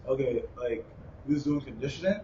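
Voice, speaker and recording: A young man with a Bahamian accent, a basketball player answering interview questions in a relaxed, plain way. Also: medium pitch, fairly quick. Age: young adult. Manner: relaxed, plain, uses "like" and "you know". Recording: roomy, distant, dull with faint noise.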